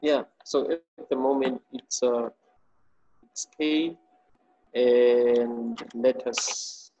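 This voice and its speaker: Woman on a muffled call, dark breathy voice, slow and flat, kinda unsure. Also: very deep voice. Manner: hesitant, slow, soft-spoken. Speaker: workshop participant. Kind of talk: casual chat on a video call.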